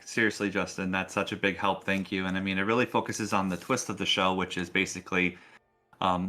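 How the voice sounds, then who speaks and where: A man with a low, sharp-toned voice hosts a tabletop role-playing show as game master, speaking casually and encouragingly to players and viewers. Faint music plays behind him.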